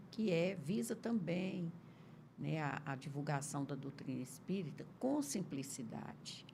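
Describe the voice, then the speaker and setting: A low, slow Brazilian Portuguese-accented woman hosts a podcast interview, and her voice has a gravelly fry to it. She asks gentle questions and often ends them with tag questions. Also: a little hiss or hum. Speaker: podcast host.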